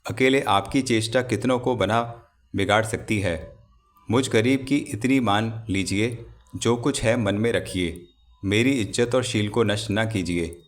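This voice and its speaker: A man's voice: lowish voice, unhurried, natural voice. A man reading as a frightened young wife. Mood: grave pleading. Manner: pleading, trembling. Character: frightened tearful young married woman. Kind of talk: audiobook character reading.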